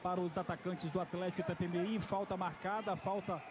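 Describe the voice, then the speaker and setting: Brazilian guy calling soccer play by play, high voice, noisy stadium broadcast. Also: steady tone, fairly quick. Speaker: football commentator. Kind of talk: live football play-by-play commentary. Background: stadium ambience and crowd noise.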